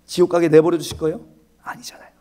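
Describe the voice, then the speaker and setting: A man preaching a Sunday sermon in a church, his voice pitched a little above the usual for men. He drives his points home by repeating them and briefly acts out other people's excuses. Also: little pitch movement, mellow. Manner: emphatic, repeats phrases, acts out excuses in quick asides. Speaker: pastor. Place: church sanctuary.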